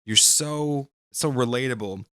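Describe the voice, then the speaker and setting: A man's voice: mid-range voice, measured pace, sharp tone, clear, resonant tone, no echo, clean studio sound. A man co-hosting a podcast, retelling scenes in an earnest, dramatic way. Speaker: podcast co-host. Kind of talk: casual chat recapping an anime episode.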